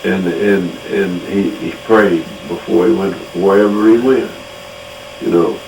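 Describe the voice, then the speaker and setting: A man's voice: low voice, fairly even intonation, unhurried, vocal fry. An older man, rambling through childhood memories of his grandfather. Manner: rambling, repetitive recollection. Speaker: storyteller. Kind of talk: casual reminiscing. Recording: echoey room, distant mic, faint noise.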